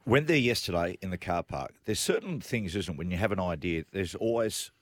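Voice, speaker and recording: A lively Australian man hosts casual, joking sports radio. His pitch swings widely and he often restarts phrases, in a dry, close studio sound. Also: fairly quick, no echo. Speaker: radio show host.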